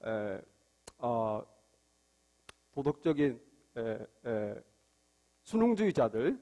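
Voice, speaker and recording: A man preaching a sermon, often pausing on filler sounds and acting out quoted dialogue with rising emotion. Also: darkish tone. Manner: acts out quoted dialogue, rises in pitch for angry lines, frequent "에" fillers. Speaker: pastor.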